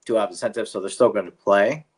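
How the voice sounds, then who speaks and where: A man's voice: lowish voice, quick pace, slightly rough. Laid-back swearing male co-host. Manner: laid-back, swears casually, talks fantasy football. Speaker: podcast co-host. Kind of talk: casual livestream chat.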